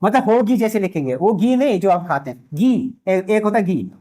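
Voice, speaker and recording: A man teaching Urdu script in a classroom lecture, patient and repetitive, spelling letters out slowly. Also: high voice, lively intonation, warm tone. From India.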